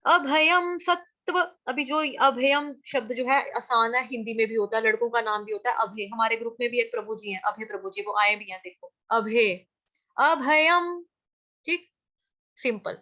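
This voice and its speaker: A woman teaching how to chant Sanskrit verses, chanting each line slowly and then explaining the sounds syllable by syllable in a chatty, patient way. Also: a little high, flat delivery, bright, forceful tone, dull audio. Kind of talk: online class teaching verse pronunciation.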